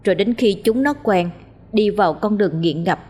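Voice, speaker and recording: A woman's voice: medium pitch, animated, moderate pace, darkish tone, slightly rough. A woman narrating a ghost story as a storyteller.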